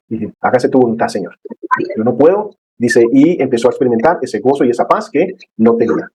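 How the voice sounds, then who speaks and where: Fast-talking man teaching a church class. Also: medium pitch, a little mellow, husky, low-quality recording. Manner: constant tag questions, earnest and conversational.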